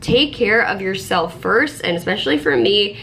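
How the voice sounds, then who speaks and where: A woman vlogging casually to camera with a sick, slowed-down voice, chatty and full of filler words. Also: medium pitch, animated, pushed and bright, a little hiss or hum. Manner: chatty, lots of "like" fillers, self-described structured. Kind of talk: casual vlog talk to camera.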